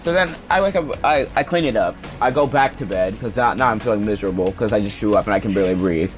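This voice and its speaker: Faint music sits under this fast-talking young man, whose low voice moves with lively intonation. He casually relates a personal story on a cheap home microphone, meandering, cursing and restarting his sentences.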